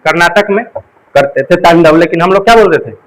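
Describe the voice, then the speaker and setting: High-pitched male teacher drilling students. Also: brisk, rough recording. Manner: call-and-response drilling with mnemonics. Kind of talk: exam coaching class lecture.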